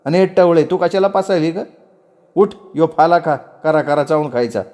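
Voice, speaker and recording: A man's voice: fairly high pitch, normal speed, darkish tone, voice pushed up, close to an everyday voice. A man voicing a middle-aged village aunt who scolds harshly in rustic dialect. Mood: furious scolding.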